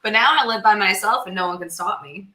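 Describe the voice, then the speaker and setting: Female guest, casual conversational delivery, bright sharp tone, echoey room. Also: medium pitch, fast talker. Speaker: guest, knife designer. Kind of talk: casual chat. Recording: roomy echo.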